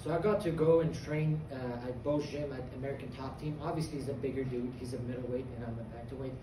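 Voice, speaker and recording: Earnest young fighter in an echoey venue. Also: male voice, medium pitch, fairly even intonation, noisy background. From Afghanistan. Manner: earnest, confident, halting with fillers. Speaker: MMA fighter. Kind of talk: post-fight interview. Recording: echoey venue, distant mic, loud crowd ambience.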